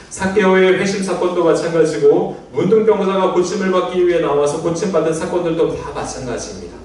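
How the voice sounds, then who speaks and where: A male pastor giving a sermon in a church, speaking in a gentle, conversational way and leading the congregation in readings. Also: a little high, a little hiss or hum. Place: church sanctuary. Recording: very echoey church hall, mic at a distance.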